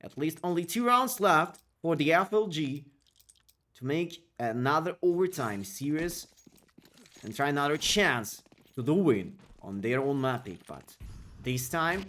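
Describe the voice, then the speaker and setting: His voice on the high side and a little slow, a man handles solo live commentary on an esports match. He makes excitable calls, chats with viewers between plays, and speaks slightly broken non-native English.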